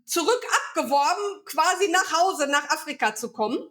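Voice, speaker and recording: A woman's voice: sits high, animated, normal speed, fairly bright tone. A woman from Germany, founder of a charity, explaining its work in a casual interview with many fillers and restarts.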